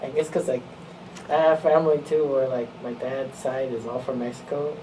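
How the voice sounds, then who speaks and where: A young man asking casual interview questions in a halting, informal way. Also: mid-range voice, little pitch movement, warm tone. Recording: noisy, distant mic, room ambience.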